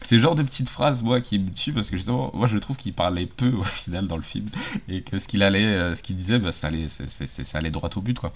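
A man with a very low, deep voice talks casually about a film he has just seen. He hesitates often and restarts his sentences, and his speech is relaxed and conversational. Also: quick pace. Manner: hesitant, many fillers and restarts.

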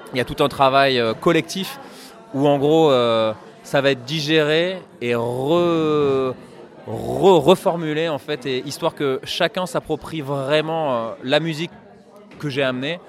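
Relaxed, hesitant accordionist man. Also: fairly high pitch. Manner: relaxed and chatty, hesitant with many pauses. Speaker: accordionist and bandleader. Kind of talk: casual interview answers.

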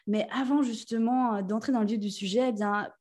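Lively Swiss French woman host. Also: a little high, fairly quick. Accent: Swiss French, Jura. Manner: lively, many fillers. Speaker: podcast host, nutrition therapist. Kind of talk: casual interview chat.

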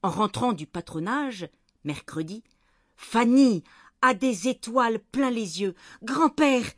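A woman reading a Christmas children's story aloud in a clear, gentle, measured way. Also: on the high side, animated, no echo, studio quality. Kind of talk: storybook narration read aloud.

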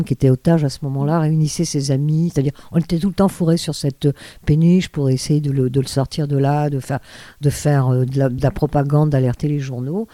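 A woman's voice: sits low, warm tone, dry recording. An older woman, a former radio host, telling rambling stories with many hesitations and restarts in an interview. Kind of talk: anecdotal storytelling.

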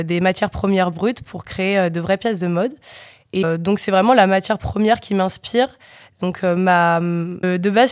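Young woman student, mid pitch, chatty with lots of fillers, dry recording. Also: dry recording. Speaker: fashion communication student. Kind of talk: casual spoken testimony.

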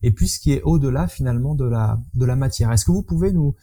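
A man's voice: medium pitch, lively intonation, fast talker, warm tone. A man interviewing a guest, framing a question with hesitant restarts. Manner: hesitant, searching for words.

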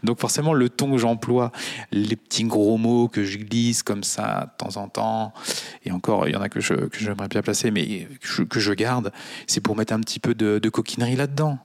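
A man's voice: fairly low pitch, fairly even intonation, normal speed, darkish tone. A man hosting a podcast, talking bluntly and mockingly with plenty of swearing, standing in his kitchen at a microphone. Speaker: podcast host. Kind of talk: casual podcast monologue.

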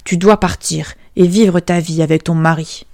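A stern old king of a storybook, speaking low and firm, with a woman reading his part. The voice is mellow and dry, close to the mic. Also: steady tone, moderate pace, vocal fry, dry recording. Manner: lowered, firm.

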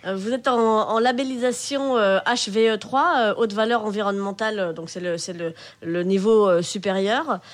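A woman wine journalist interviews a guest on a radio show. She speaks at an ordinary pitch in a friendly way, hesitating often with small fillers. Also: normal speed, few pauses.

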